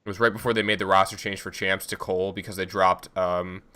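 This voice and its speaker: A young man with a very low voice tells gaming stories in a loose, rambling way on a podcast. His tone is bright and forceful. It sounds like easy chat between friends at a desk mic. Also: flat delivery, fast talker, smooth. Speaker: podcast co-host, competitive gamer. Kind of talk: casual chat.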